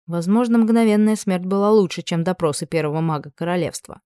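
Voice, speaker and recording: Woman doing a worried young duchess, breathy and emotional, dry close sound. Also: on the low side, fairly quick, warm tone, no echo, close to an everyday voice. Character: young noble duchess, anxious and stubborn.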